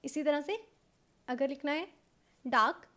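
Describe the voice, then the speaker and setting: An Indian woman with a high, light voice gives a step-by-step shorthand lesson. She talks patiently and keeps checking in with her students. She slows right down when she dictates the rules. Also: bright, forceful tone. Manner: patient explaining, frequent "okay" checks, mixes English terms into Hindi; slows right down to dictate English rule lines. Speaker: shorthand teacher.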